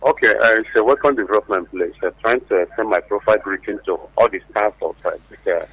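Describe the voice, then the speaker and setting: A man speaks over a phone line into a radio show. His voice sits fairly low and comes through muffled and dull, with a faint hum behind it. He talks in long, ornate phrases padded with fillers. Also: fast, breathy edge. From Nigeria. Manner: rambling, flowery formal phrasing with many fillers. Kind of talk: call-in comment on a radio show.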